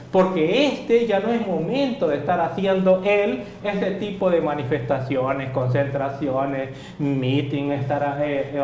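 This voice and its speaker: Man, political commentator, rhetorical questions, fairly high voice, roomy studio sound, faint hiss. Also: a little mellow. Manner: insistent, critical, rhetorical questions.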